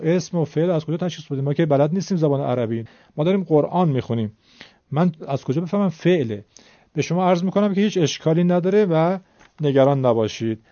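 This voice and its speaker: Male teacher, patient and polite lesson delivery, slightly raised pitch, lo-fi recording. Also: mellow, no echo. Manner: patient, addresses viewers politely. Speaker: Quran recitation teacher. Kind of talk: explanatory lesson.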